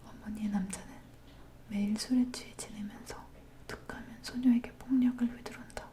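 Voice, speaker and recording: A woman leaning in close to the ear microphone, reading a dark story aloud in a breathy, hushed ASMR whisper. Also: mid-range voice, fairly even intonation, moderate pace.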